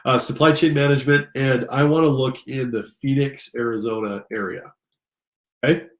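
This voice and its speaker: This informal screen-share tutorial features an American career coach and instructor speaking enthusiastically to his listeners, his nose a bit stuffed from allergies. His medium-pitched voice stays steady at a moderate pace, and the recording echoes roomily.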